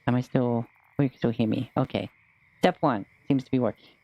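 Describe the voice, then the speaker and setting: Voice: medium pitch, fairly quick, creaky, no echo, highs cut off. A game master running a tabletop game on a live stream in a casual, hesitant, informal way.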